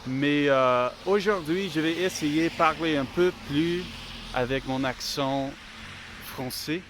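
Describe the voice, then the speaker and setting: A man who speaks English natively, talking slowly in learner French while vlogging on a phone as he walks outside, hesitant with many fillers and restarts. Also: on the high side. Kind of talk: casual walking vlog. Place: outdoors on a street. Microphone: phone held while walking. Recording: faint outdoor street noise. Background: street ambience, passing vehicles.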